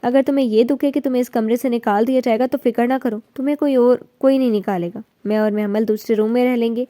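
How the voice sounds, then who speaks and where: A woman voicing a cold, curt young husband in a storybook reading, blunt and flatly dismissive. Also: on the high side, dry recording, lightly acted.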